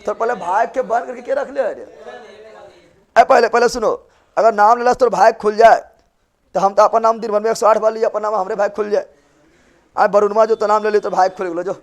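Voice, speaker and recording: A male teacher runs a lively classroom lesson, drilling facts through call-and-response and teasing his students. His voice sits high for a man. He talks loudly and keeps repeating key words for the class to echo. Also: fairly quick, long pauses. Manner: loud, repetitive, joking and teasing with students.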